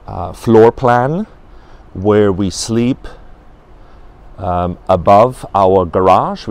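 On a lapel mic in a large exhibition hall, a company representative in his forties shows off a camper van and its fittings at a trade fair stand. His voice is lowish and a little mellow, and he hesitates often with fillers.

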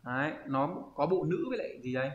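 A man teaching an online kanji lesson, often pausing and thinking aloud as he searches for the word. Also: a little high. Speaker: Japanese teacher. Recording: roomy, slightly dull audio.

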